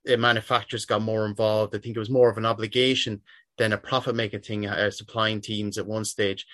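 A middle-aged man with a west of Ireland accent speaks in a fairly low voice, close and dry. He talks in a chatty, rambling way, doubling back on his phrases as an interview guest would. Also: level tone, a little fast, a bit bright, dry recording. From Sligo, west of Ireland. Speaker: interview guest, football jersey collector. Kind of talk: casual conversational interview.

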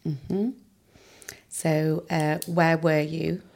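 Woman podcast host explaining english like a teacher, lowish voice, really creaky. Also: flat delivery, extremely slow, darkish tone. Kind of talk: scripted lesson narration and interviewing.

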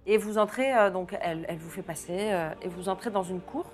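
A woman's voice: medium pitch, brisk, soft background music. A woman narrating a tabletop game as game master, describing scenes with frequent fillers and laughs. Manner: descriptive, many fillers and restarts, laughs often.

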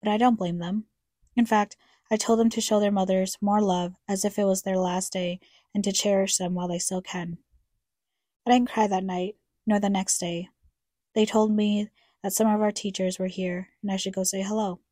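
A woman's voice: mid-range voice, level tone, moderate pace, mellow, no room sound, studio quality. A young woman reading a scripted, somber personal narration, speaking reflectively to her late mother. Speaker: podcast co-host narrator.

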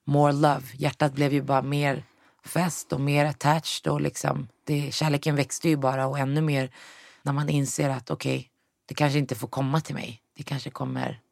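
A woman's voice: low voice, flat delivery, gravelly, darkish tone, dry recording, studio quality. A young woman telling a personal story in conversation, often acting out what people said and dropping in English words. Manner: retells events with quoted dialogue, mixes in English words. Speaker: guest.

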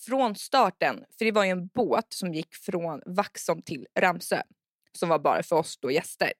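A woman's voice: lowish voice, no room sound, clean studio sound. A young woman co-hosting a casual podcast chat, telling stories with frank swearing and acted-out quotes. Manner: animated storyteller who acts out loud quotes. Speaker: podcast co-host.

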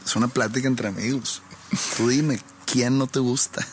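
A man's voice: medium pitch, fairly even intonation, normal speed. A man with a northern Mexican accent chatting casually with a friend, joking and teasing. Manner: joking, teasing, prone to laughing. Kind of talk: casual chat between friends.

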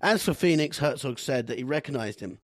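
A man's voice: medium pitch, expressive, fairly quick, no echo. Male podcast host, loose jokey storyteller, close dry sound. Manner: rambling, jokey, laughs often. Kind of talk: casual comedic chat.

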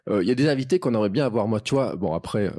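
A man chatting on a podcast in a lively, familiar way. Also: lowish voice, rapid-fire, no echo, clean studio sound. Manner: chatty, lively, many "tu vois". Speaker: podcast host. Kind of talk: casual podcast conversation.

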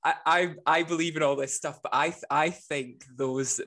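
Man hosting a relaxed podcast chat. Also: on the high side, normal speed. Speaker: podcast host. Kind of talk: casual conversational interviewing.

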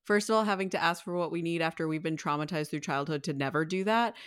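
Musing low-pitched woman co-host. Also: fast, fairly bright tone, clear, resonant tone, dry recording, clean studio sound. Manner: earnest, musing, full of "like" and "I think". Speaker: podcast co-host. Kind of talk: casual chat.

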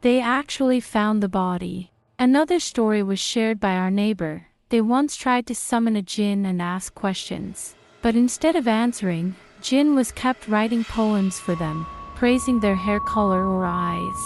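A woman's voice: mid-range voice, measured pace, hardly any pauses. A woman from Turkey, narrating a paranormal anecdote as a storyteller. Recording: music behind the voice. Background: prominent music.

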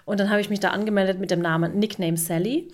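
A woman's voice: medium pitch, fairly even intonation, fast, a little mellow. A woman in her thirties co-hosting a casual podcast, telling stories in a chatty way and laughing often. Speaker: podcast co-host.

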